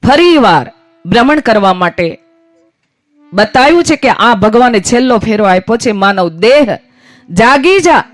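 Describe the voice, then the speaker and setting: Female village preacher on a stage mic: exhorting, asks and answers her own questions, soft music under her. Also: mid-range voice, animated, normal speed, no echo. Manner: emphatic, rhetorical questions, rising exhortations. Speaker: religious storyteller preacher. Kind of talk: devotional sermon to a village gathering. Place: village religious gathering.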